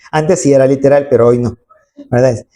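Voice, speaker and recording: Warm and mid-range at a moderate pace, this voice belongs to a preacher giving an emphatic sermon in church. The speaker often tags on rhetorical questions and performs the voices being quoted.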